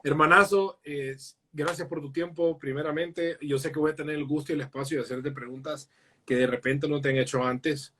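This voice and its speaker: A man's voice: on the high side, steady tone, brisk, pushed and bright. A man hosting a live online interview, upbeat and chatty with hearty slang, on a studio microphone. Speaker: host. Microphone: new studio microphone.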